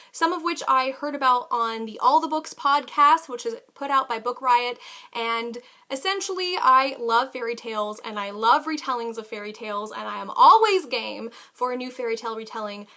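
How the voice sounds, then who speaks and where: Enthusiastic girly-high woman doing a book vlog, bright voice, chatty and emphatic. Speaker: book reviewer and vlogger. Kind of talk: casual book haul chat to camera.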